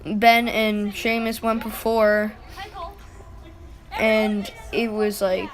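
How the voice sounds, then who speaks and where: Casual, rambling young-sounding vlog narrator, female-pitched voice. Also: little pitch movement, extremely slow. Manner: informal, rambling, mild swearing. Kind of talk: casual voice-over commentary on exploration footage.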